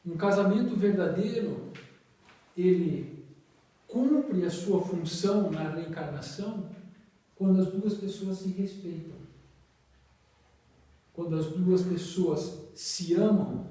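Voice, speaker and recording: Slow, dark-voiced Brazilian man lecturing. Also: fairly high pitch, heavy reverb, distant mic, poor audio. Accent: Brazilian Portuguese. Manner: slow, measured, trailing off at phrase ends. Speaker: spiritist study leader. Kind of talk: slow spiritist study talk.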